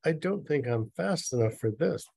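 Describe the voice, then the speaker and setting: A man's voice: a little high, expressive, moderate pace, creaky, a little mellow, husky, dry recording, studio quality, voice pushed up, heavily acted. A man reading aloud as a nervous teenage boy, speaking hesitantly. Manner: hesitant, unsure.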